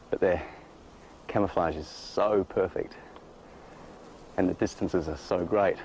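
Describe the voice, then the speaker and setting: Deep-voiced man, reflective nature documentary narration. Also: darkish tone, a little hiss or hum. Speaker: wildlife filmmaker.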